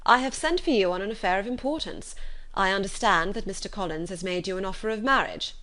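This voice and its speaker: A woman voicing a calm, dryly ironic middle-aged father in a storybook, deadpan and formal. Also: mid-range voice, fast, lightly acted. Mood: mock-solemn.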